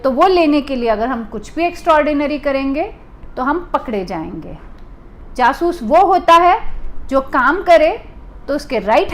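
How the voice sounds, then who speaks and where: A woman from India with a high voice gives an explanatory talk to the camera. She speaks deliberately as a private detective and repeats key points for emphasis. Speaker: private detective agency owner.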